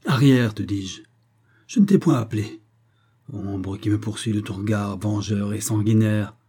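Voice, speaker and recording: A man's voice: fairly low pitch, level tone, moderate pace, mellow, husky. A man voicing a delirious old male spiritualist in an audiobook, crying out in frantic, pleading terror. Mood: terrified.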